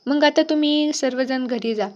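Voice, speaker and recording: A woman voicing a bossy, scheming, sharp-tongued woman in a retold TV serial story. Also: high-pitched, normal speed, lo-fi sound, natural voice.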